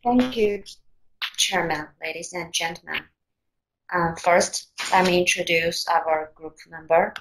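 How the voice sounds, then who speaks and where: Slow, careful woman from China. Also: lowish voice, noisy background. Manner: careful and deliberate, formal addresses. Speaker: affirmative team leader in a debate. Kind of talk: formal debate speech.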